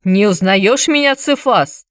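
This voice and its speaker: A stern, wronged man speaks with grave weight, as a woman reads him. The voice sits low, close and dry. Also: measured pace, clean tone, no echo, lightly acted.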